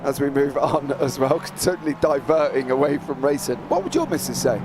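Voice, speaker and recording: His voice sits at a medium pitch but swings widely, with noise all around. This British lead race commentator keeps things chatty, ribbing his co-host playfully while reading the grid positions out at a quick clip.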